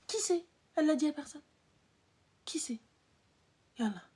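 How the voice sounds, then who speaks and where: A young woman with a high voice delivers a heated live-stream rant. She scolds her audience, fires off rhetorical questions and lurches between loud outbursts and low muttering. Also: lively intonation, unhurried. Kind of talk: ranting live-stream monologue.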